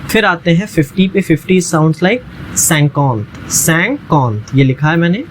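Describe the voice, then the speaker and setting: A man teaching a language lesson, patiently repeating each word slowly and often checking that the learner follows. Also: on the high side, slight background noise, poor audio. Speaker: French teacher. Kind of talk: language lesson explained in Hindi.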